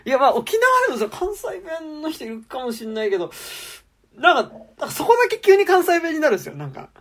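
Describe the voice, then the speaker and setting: The other woman on this podcast has a high voice and talks fast. Chatting casually about a TV drama, she gets animated and performs quoted lines while speaking.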